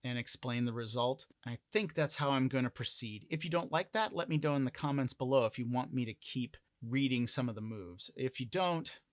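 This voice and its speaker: A man narrating a solo tabletop role-play game in a measured, deliberate storytelling manner. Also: mid-range voice, dry recording, clean studio sound.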